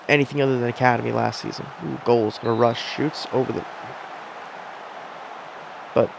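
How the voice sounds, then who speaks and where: A man's voice: medium pitch, creaky, noisy background. A young man giving casual, rambling commentary on a simulated soccer match, with chatty self-deprecating asides.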